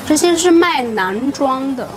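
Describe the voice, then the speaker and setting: A woman's voice: sits high, expressive, unhurried, slight background noise. A woman hosting a casual market vlog for Chinese learners, naming and repeating things simply as she goes. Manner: names and repeats items for learners. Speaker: vlog host teaching Chinese. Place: busy market, on location. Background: music.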